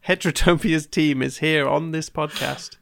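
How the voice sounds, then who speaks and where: Wry, gravelly man co-hosting a podcast. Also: a little high, steady tone, a bit bright. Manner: dry, wry, quick with jokes. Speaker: podcast co-host. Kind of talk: casual chat.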